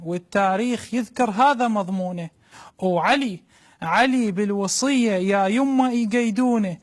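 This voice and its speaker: A man with an Iraqi Arabic accent reciting a colloquial verse dialogue with narration, declamatory and repeating lines for emphasis. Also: high-pitched. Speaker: religious reciter.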